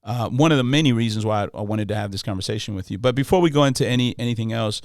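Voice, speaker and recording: A man's voice: fairly low pitch, very fast, no echo, studio quality. A man hosting a podcast, talking casually in slang and often restarting his phrases. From Los Angeles. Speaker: podcast host. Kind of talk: casual interview chat.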